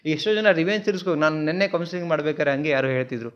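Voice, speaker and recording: Earnest higher-voiced male counselor. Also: very fast, muffled recording, a little hiss or hum. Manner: earnest, repeats points, mixes English words into Kannada. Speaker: relationship counselor. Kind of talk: advice talk to viewers. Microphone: mic in front of him while seated.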